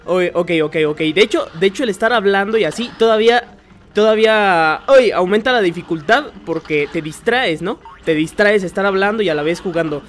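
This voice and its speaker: Man, high voice, excitable gameplay commentary, yelps and swears, faint music behind. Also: moderate pace. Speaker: gamer.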